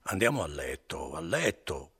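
A man voicing a wily middle-aged innkeeper in an audiobook, wheedling and falsely gentle. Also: very deep voice, big pitch swings, normal speed, slightly rough, exaggerated voice. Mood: coaxing. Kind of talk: audiobook character voice.

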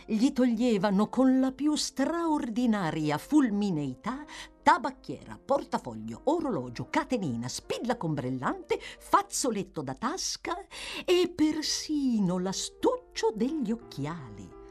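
A woman narrating a classic novel in a lively, theatrical reading style. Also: fairly high pitch, slow, faint music behind. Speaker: audiobook narrator. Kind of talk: expressive literary reading.

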